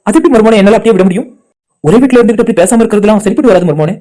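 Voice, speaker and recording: A man's voice: sits high, rapid-fire, mellow, lightly acted. A man voicing a caring middle-aged uncle who coaxes his son-in-law to talk. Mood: concerned. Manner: coaxing, concerned. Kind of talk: amateur cartoon voice acting.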